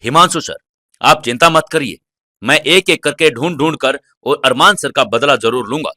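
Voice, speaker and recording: A man's voice: medium pitch, normal speed, pushed and bright. A male narrator voicing a determined young martial arts champion who speaks respectfully but resolutely.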